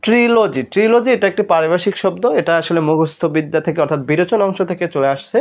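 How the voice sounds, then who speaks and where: A Bangladeshi Bengali tutor with a notably high voice works through exam questions step by step, stopping often to ask "right?" before moving on. The recording sounds dull and lo-fi, with a muffled top end. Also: male voice, fast talker. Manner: explanatory, asks rhetorical questions and checks with "right?". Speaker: admission test tutor. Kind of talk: exam solution lesson.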